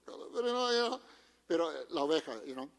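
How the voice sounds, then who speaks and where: A male pastor preaches in a high, light voice. He keeps it conversational, tossing questions to the congregation and mixing in English phrases. His voice rings with long reverb in a church auditorium. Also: sing-song, moderate pace, vocal fry. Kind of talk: bilingual sermon.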